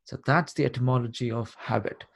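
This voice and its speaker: Husky-voiced man coaching patiently. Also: mid-range voice, steady tone, a little fast. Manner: explains patiently, repeats points and checks the listener understands. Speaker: life coach. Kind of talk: live online coaching session. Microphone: video call.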